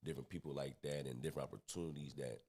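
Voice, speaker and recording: A man with a very deep voice, chatting easygoing as a guest on a casual podcast. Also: fairly even intonation, racing, a little mellow, breathy edge. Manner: laid-back, easygoing slang. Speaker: guest, clothing brand owner.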